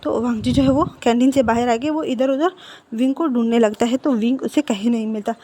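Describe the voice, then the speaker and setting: Woman storyteller, casual recap, high mellow tone. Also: fairly quick. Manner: conversational, with repeats and restarts. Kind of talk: casual retelling of fan fiction.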